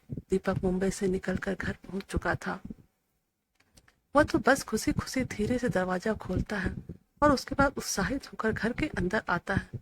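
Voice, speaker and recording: A woman narrating a scripted, emotional family story in a steady reading voice. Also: mid-range voice, background noise.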